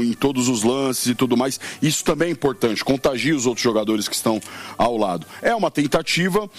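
A man commenting on football on the radio, analysing the team while thinking aloud with frequent restarts. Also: medium pitch.

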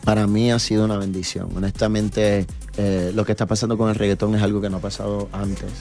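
A man's voice: fairly low pitch, fast talker, faint music behind. Chatty man with musical bed behind. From New York, USA. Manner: animated storyteller, many fillers and tag questions. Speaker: reggaeton artist, guest. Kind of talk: casual interview chat.

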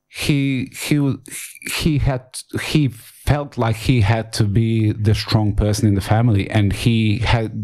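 A man from Bosnia recounts his background as a radio interview guest. His voice sits low with a soft, mellow tone. He speaks haltingly, often restarting and repeating words. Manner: halting, repeats words while searching for them. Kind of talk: personal life story in a radio interview.

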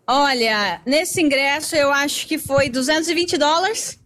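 Upbeat, high-voiced Brazilian woman fan. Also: measured pace, a bit bright. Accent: Brazilian Portuguese. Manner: upbeat, confident answers. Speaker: football fan. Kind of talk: street interview. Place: outside a stadium.

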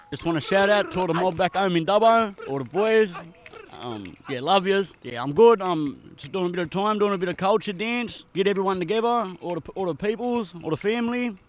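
A man's voice: sits high, animated, normal speed, slight background noise. An Australian man, an inmate about to dance, talking casually and with feeling. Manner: casual, emotional. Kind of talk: interview.

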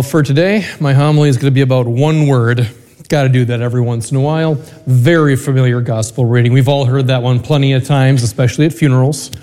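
A man's voice: mid-range voice, dark tone. An American man speaking as a priest, reading scripture and preaching in a church with a cathedral-like echo. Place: large reverberant church.

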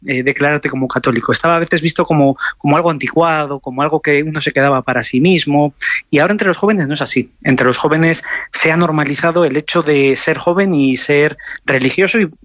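A man's voice: on the high side, fairly bright tone, no room sound. Analytical man over a dull line. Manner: measured, analytical, thinking aloud. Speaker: sociologist guest. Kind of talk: radio interview analysis.

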